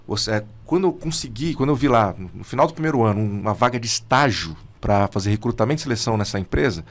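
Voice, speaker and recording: With a fairly low pitch, a Brazilian psychologist in his fifties talks fast and animatedly as a podcast guest. It's a relaxed, conversational interview in Brazilian Portuguese accent, peppered with slang like "cara."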